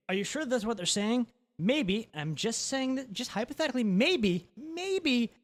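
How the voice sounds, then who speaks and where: A high-pitched man in his thirties rambles through a crude podcast story, circling back on his own words. He often breaks into laughter mid-sentence and keeps the tone loose and casual. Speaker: podcast co-host.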